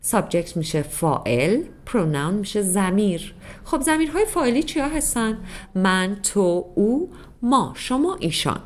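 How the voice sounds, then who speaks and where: Patient woman teaching beginner grammar. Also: mid-range voice. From Iran. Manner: patient, explains step by step, repeats examples. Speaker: English teacher. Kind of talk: slow beginner grammar lesson explained in Persian.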